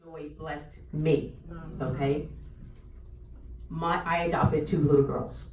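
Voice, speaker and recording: Animated adoptive mother, storytelling delivery, roomy distant sound. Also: low-pitched, slow, highs cut off, slight background noise. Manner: animated storyteller, laughing as she talks. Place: book launch event room. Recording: roomy sound, mic far off.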